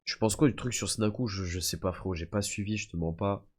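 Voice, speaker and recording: A man's voice: lowish voice, a little fast, breathy edge. A young French man streaming live, telling stories to his viewers in a slangy, casual way, calling them "les gars" and "frère". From France. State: often sick. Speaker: livestreamer. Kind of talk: casual storytelling chat.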